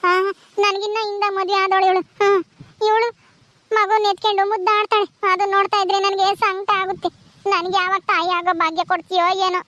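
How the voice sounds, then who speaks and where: A childless young village wife, played by a woman, aches for a baby of her own. She speaks plaintively and turns her lament to God. Her voice sits very high and sounds bright and sharp. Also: steady tone, fast. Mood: yearning. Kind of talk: village family drama acting.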